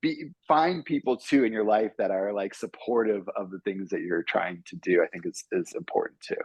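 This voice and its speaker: Low husky guy giving students advice, earnest and animated, dry close sound. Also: normal speed, no echo. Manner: earnest, animated, acts out his own inner voice. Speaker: software engineer on a panel. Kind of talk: advice to students in a panel talk.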